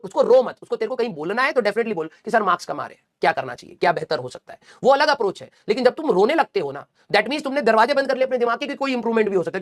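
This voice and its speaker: Male coaching teacher, rapid motivational pep talk, blunt and scolding, slangy asides. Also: very high-pitched. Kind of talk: motivational talk to exam students.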